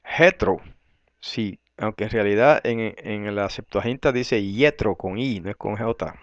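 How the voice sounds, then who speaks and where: A man teaches a Bible study in a relaxed, conversational way, reading verses aloud and pausing to clear his throat. His voice is smooth and resonant at a middling pitch. The recording is dry and a bit dull and lo-fi. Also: no echo. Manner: conversational, tag questions, frequent throat clearing.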